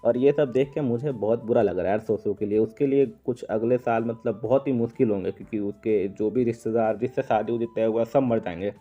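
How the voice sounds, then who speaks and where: A man's voice: mid-range voice, fairly quick, hardly any pauses, dark tone, dull audio. Casting: Indian male recap narrator, rambling casual storyteller, faint music bed. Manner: chatty, rambling with fillers, addresses listener as bhai. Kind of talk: casual storytelling recap, voicing characters in passing.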